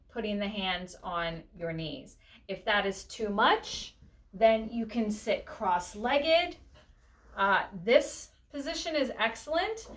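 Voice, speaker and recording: Casting: woman yoga teacher, fairly high voice, instructive step-by-step delivery with casual check-ins. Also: fairly bright tone. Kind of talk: spoken step-by-step demonstration lesson.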